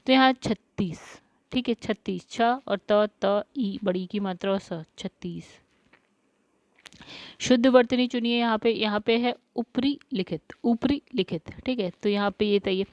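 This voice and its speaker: A woman's voice: mid-range voice, unhurried, a little mellow, no echo, lo-fi sound. Woman tutor explaining spelling step by step. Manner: explains step by step, repeats words, says "guys" often. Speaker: Hindi exam tutor. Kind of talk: spelling lesson walkthrough.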